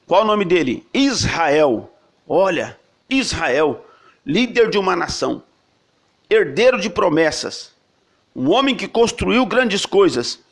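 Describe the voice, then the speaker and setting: A man's voice: high-pitched, sing-song, takes it slowly. A man preaching a sermon as a pastor, telling the story vividly and emphatically.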